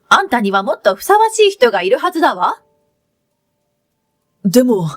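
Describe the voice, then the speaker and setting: A woman voicing a shrill, indignant older mother-in-law in a read-aloud story. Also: heavily acted.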